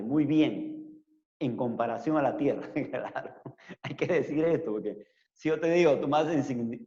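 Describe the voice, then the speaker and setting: A man's voice: mid-range voice, a little mellow. A man teaching a physics class, explaining step by step and asking rhetorical tag questions. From Peru. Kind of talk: lecturing an online class. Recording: roomy, reverberant, dull lo-fi sound.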